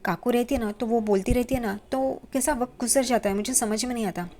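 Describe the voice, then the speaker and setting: A woman voicing a gentle young woman who feels lonely in an empty house, speaking softly and pleadingly. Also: a little high, quick pace, close to an everyday voice. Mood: worried.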